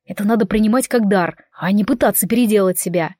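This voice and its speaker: Lady playing a curt calm necromancer father, storybook style, dry recording. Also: mid-range voice, fast talker, dry recording, close to an everyday voice. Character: stern, protective middle-aged necromancer father.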